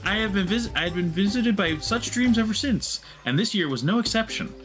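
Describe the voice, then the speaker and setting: A man's voice: sits high, animated, a little fast, a bit bright, faint music behind. A man voicing a grand, dreamy festival organizer woman in a video game, with a theatrical, formal delivery. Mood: grandiose. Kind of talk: reading game dialogue aloud.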